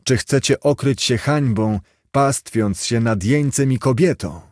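A man voicing a rough, repentant knight who rouses his comrades with indignant questions. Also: medium pitch, measured pace, darkish tone, no echo, studio quality, close to an everyday voice. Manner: rousing, indignant.

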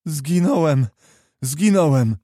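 A man doing a panicked young officer, high wailing. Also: lively intonation, slow, dry recording, studio quality. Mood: despairing. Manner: wailing, loud outbursts. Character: panicked young male officer, rash and despairing.

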